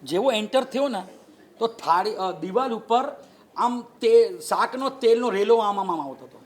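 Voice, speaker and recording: A Jain monk preaches with a Gujarati accent and a strikingly high voice for a man. He keeps his sermon light and lively, raising his voice to act out the people in his stories. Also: moderate pace. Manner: animated, acts out quoted people with raised voice. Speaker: Jain monk giving a discourse. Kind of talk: humorous sermon.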